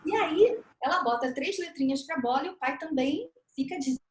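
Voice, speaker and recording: Brazilian woman educator, animated explainer, high pitch, roomy echoey recording. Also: moderate pace, a little hiss or hum. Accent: Brazilian Portuguese. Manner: animated, acts out parents' reactions. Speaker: educator guest on a panel. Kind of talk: explanatory panel discussion. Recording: echoey room sound.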